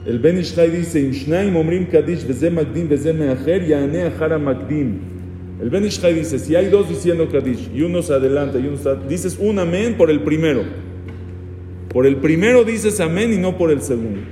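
Dark-voiced rabbi in an echoey hall. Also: male voice, fairly high pitch, lively intonation, normal speed, slight background noise. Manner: poses rhetorical questions, teasing asides. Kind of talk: Torah law lesson. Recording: echoey hall with long reverb.

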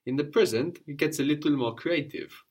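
A man's voice: a little high, fairly quick, a little mellow, breathy edge. A man teaching a one-on-one language lesson, patiently prompting questions and repeating his student's answers.

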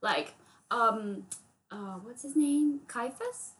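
A woman co-hosting a podcast in casual chat, jumping in with playful, quick interjections. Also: medium pitch, expressive, a bit bright. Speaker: podcast co-host.

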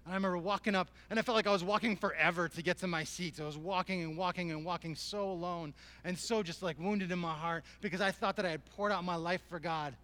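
A married man preaching an emotional sermon and praying, swinging from hushed talk to loud, impassioned cries. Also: sits high, fairly even intonation, quick pace, hardly any pauses. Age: adult, married. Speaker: pastor.

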